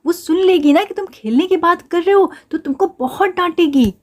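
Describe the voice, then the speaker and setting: A woman's voice: very high-pitched, normal speed, darkish tone. A woman voicing a sensible, dutiful older sister doll in a doll play story, talking in a cautious, reasoning way.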